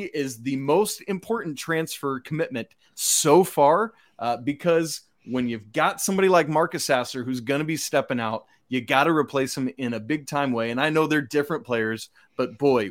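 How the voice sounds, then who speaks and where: A man's voice: medium pitch, normal speed, hardly any pauses, no echo, clean studio sound. A man with a Georgia accent hosting a sports podcast, exclamatory and folksy, addressing listeners like buddies. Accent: Georgia, American South. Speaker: podcast host.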